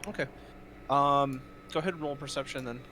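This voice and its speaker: A man acting as game master narrates a tabletop role-playing game informally, throwing in spoken sound effects. His mid-range voice is steady, brisk, pushed and bright, with music playing behind him and slight background noise.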